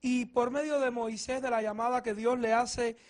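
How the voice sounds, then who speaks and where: A man's voice: very high voice, flat delivery, moderate pace. A man speaking as a priest at Mass, reading scripture and preaching. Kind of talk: Gospel reading and homily.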